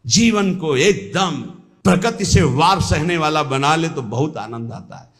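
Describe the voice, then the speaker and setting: Man preaching slowly in a reverberant hall. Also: on the high side, animated, a bit bright. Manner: slow, measured, with long pauses and falling endings. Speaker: spiritual teacher. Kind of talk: devotional sermon.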